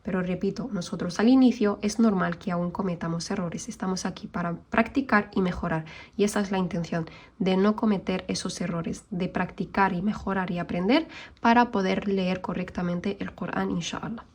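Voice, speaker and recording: A woman teaching an online recitation lesson, explaining patiently and modelling Arabic sounds slowly. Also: on the low side, fairly even intonation, a little mellow.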